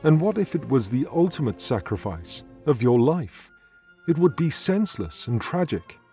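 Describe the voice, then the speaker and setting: A man, delivering a scripted poetry tutorial in a measured, earnest way. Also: mid-range voice, big pitch swings, mellow, faint music behind. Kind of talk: scripted educational narration.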